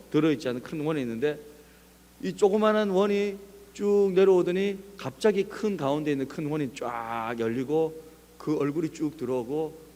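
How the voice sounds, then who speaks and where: A male pastor preaching a sermon, telling a story with animated delivery and acting out scenes. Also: a little high, a little hiss or hum. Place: church sanctuary. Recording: long reverb of a church hall.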